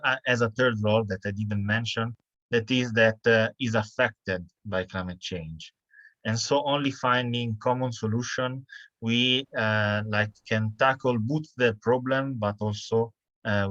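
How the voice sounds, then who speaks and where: A man moderates an online panel over a video call, stopping and restarting often. His voice sits mid-range and sounds dry and dull through the call audio. He picks his words slowly as he hands the floor to guests. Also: mid-range voice, fairly bright tone, dry recording. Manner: halting, many fillers and restarts. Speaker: webinar host.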